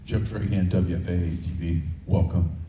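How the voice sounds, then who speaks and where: A man with a deep, very mellow dark voice asks questions as a sports reporter at a press conference. He sounds far from the mic in an echoey room. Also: fairly even intonation, moderate pace. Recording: echoey room, distant mic, faint noise.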